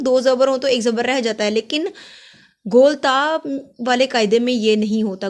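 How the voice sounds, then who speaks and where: A woman teaching tajweed, patiently explaining each letter and rule step by step between slow recited words. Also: high voice. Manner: chants drawn-out Arabic recitation.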